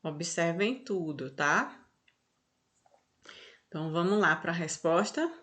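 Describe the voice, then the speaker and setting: Brief: Brazilian woman teacher, online class, slow deliberate delivery, lowish voice, keeps checking in with students. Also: lively intonation, a bit bright. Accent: Brazilian Portuguese. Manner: unhurried, many checking "tá?" and "olha só". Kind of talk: online class, going over answers.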